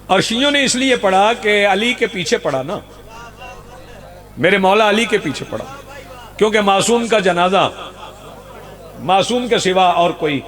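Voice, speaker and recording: A man's voice: high voice, fairly bright tone. A Pakistani man preaching a sermon to a gathering, repeating lines for emphasis and rousing the crowd. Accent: Pakistani Urdu. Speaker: Shia preacher. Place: outdoor religious gathering.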